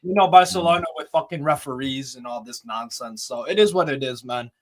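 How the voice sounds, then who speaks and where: A man's voice: mid-range voice, a little fast. A man on a football podcast panel, angry and swearing as he rants about his team, still shaken up. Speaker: panel guest. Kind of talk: heated fan rant.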